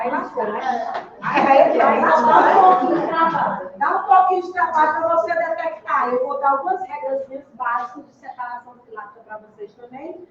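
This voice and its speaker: Lady teaching grammar, high voice, far off mic, boomy room, kinda muffled. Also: slight background noise. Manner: explains step by step, asks "né?" and "entendeu?". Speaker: Portuguese teacher. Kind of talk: exam-prep lecture. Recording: echoey room, distant dull mic.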